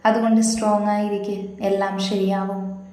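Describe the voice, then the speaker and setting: A woman voicing a calm, protective older-brother man who speaks slowly and soothingly, recorded in a very echoey room. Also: medium pitch, natural voice.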